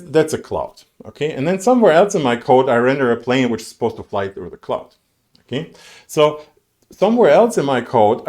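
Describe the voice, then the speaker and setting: Dry sarcasm, frequent fillers, and restarts mark this man's conversational university lecture on graphics programming, captured by a streamed lecture mic. His voice is slightly high with a darkish tone.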